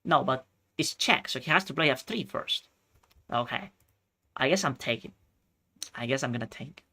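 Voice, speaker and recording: A man from Chile streaming chess, thinking out loud through his moves and chatting with viewers. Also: medium pitch, expressive, normal speed. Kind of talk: live-stream commentary.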